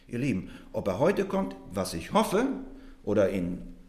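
A man preaching a sermon to a congregation, telling a story with animated delivery and addressing them directly. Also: on the low side, unhurried, reverberant.

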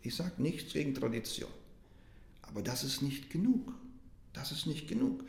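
A man's voice: medium pitch, big pitch swings, moderate pace, gravelly, roomy sound. A man preaching a sermon with emphatic delivery, often addressing the congregation directly. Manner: emphatic preaching, addresses listeners as "Ihr Lieben".

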